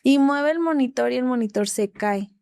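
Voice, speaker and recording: A woman's voice: sits high, moderate pace, creaky, a little mellow, smooth, no room sound. A young Mexican woman retelling a hard episode, acting out the dialogue and laughing between lines. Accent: Mexican Spanish. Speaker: interview guest. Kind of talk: candid storytelling.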